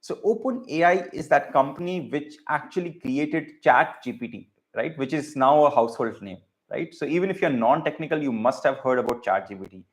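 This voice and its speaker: A man's voice: fairly high pitch, lively intonation, brisk, few pauses. A man from India with a polished, educated Indian accent, teaching in an informal lecture style and often checking in with "right?". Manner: explanatory, checks in with frequent "right?". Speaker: data science teacher.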